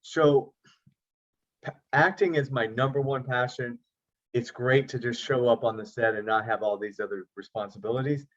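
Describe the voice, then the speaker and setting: As a guest on a video-call interview, a middle-aged man who acts and produces chats comfortably and makes self-deprecating jokes. His mid-range voice moves at a moderate pace with fairly even intonation, captured in slightly dull lo-fi sound.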